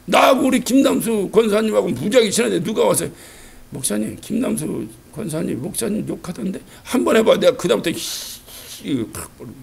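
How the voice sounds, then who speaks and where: A male pastor preaches a Sunday sermon with a strikingly high voice that swings up and down through wide, lively pitch. His tone is gravelly and husky, and he keeps asking rhetorical questions and acting out quotes. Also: brisk. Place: church sanctuary.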